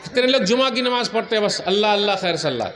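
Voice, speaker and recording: High voiced guy preaching to a crowd, keeps asking them stuff and joking. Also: animated, a bit bright, a little hiss or hum. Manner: asks the crowd questions, jokes and teases; recites Arabic hadith quickly in a raised voice. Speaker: Islamic preacher. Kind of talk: Urdu sermon to a large gathering.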